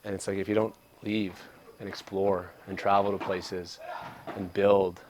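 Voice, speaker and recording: A man's voice: sits low, flat delivery, unhurried, background noise. A man in his late twenties from Canada, talking casually and earnestly to the camera in a travel vlog. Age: 20s. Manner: earnest, reflective, upbeat. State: out of breath. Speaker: vlogger. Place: traveling abroad, outdoors and in.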